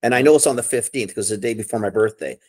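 Seated on a sofa in his living room, this middle-aged co-host chats casually on a video call, rambling enthusiastically. His voice is on the low side and a little mellow, and he talks at a racing pace. The audio is studio quality with no echo.

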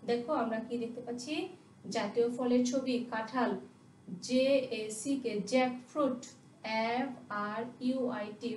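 A woman's voice: fairly high pitch, slight background noise. Teacher woman spelling words aloud. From Bangladesh. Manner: spells words letter by letter, asks and answers own questions. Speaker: primary school English teacher. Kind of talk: recorded classroom lesson. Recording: echoey room, voice from a distance.

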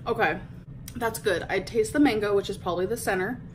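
A woman's voice: mid-range voice, brisk, echoey room, slight background noise, poor audio. A woman vlogger talking casually to her viewers, chatty and confessional, with plenty of filler words. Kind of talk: casual vlog chat.

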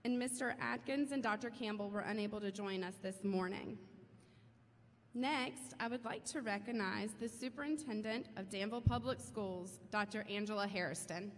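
A woman school principal giving a formal ceremony address at a podium, reading names in a measured way. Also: mid-range voice, a little hiss or hum. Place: large school gymnasium. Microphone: podium microphone through hall speakers. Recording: echoey gym from far off.

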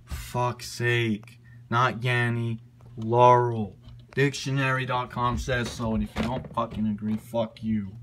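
Slow, exasperated swearing man ranting. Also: mid-range voice, level tone, noisy background. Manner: exasperated, swearing, mock-outraged. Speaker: online video ranter. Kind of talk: profane comedic rant.

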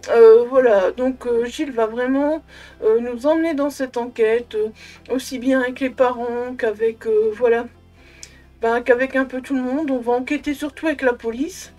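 A young woman with a high voice talks casually to camera in a room at home. She is effusive but halting, often doubling back to repeat a word or phrase. Faint music sits behind her voice. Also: steady tone, mellow. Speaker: book vlogger. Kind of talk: casual chat, book review to camera. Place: small room at home with bookshelves.

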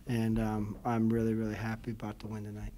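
This time the postgame speaker, a college basketball head coach in his fifties, has a low-ish, monotone, mellow voice and talks briskly, with a little hiss or hum in the audio. Seated at a table mic in a press room before a logo backdrop, he rambles emotionally, leaning on fillers like "you know what I mean."

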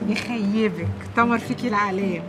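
An actress playing a young Egyptian servant woman who was betrayed, given to wailing laments and sharp scolding, in a TV drama with a music score. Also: medium pitch, brisk, noisy background, lightly acted. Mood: fretful, chatty.

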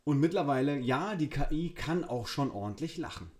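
A man's voice: fairly high pitch, lively intonation, normal speed, darkish tone. A man hosting a demo video, enthusiastically giving spoken commands and commenting on the results. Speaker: host. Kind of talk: tech demo presentation.

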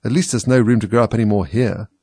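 A man's voice: on the low side, steady tone, fast talker, dark tone, slightly rough, no room sound. A man voicing a chatty young girl who muses earnestly and plaintively to herself in a storybook. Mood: self-scolding. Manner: musing, earnest. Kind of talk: storybook character voice.

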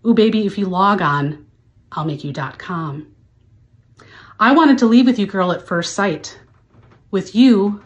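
A woman's voice: medium pitch, highs cut off. A woman in her thirties giving a hammy, mock-earnest dramatic reading of song lyrics, like a stage actor. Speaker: host. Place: small furnished room indoors. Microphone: handheld microphone close to mouth.

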